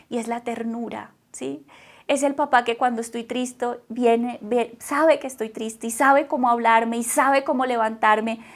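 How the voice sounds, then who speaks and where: A woman preaching a sermon, who talks emphatically, repeats her phrases and keeps asking the listeners questions. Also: fairly high pitch. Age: adult mother.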